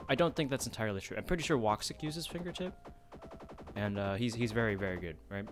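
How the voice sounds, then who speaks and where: Talking quickly over music, a man with a lowish voice livestreams as he plays. His chat is casual and self-deprecating.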